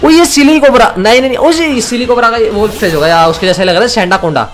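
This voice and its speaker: Young man, high voice, casual joking gameplay commentary, chats with game characters, faint music behind. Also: expressive, racing, a bit bright. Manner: chatty, jokey, talks to himself and the game characters. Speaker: gaming YouTuber. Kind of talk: casual Let's Play commentary.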